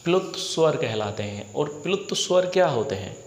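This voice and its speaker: A man gives an exam-prep lecture in a hall with a long echo. He asks the class questions and answers them himself, then goes back over each point slowly. A faint room hum sits under his voice. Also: medium pitch, expressive. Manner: repeats key points slowly. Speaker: Hindi teacher.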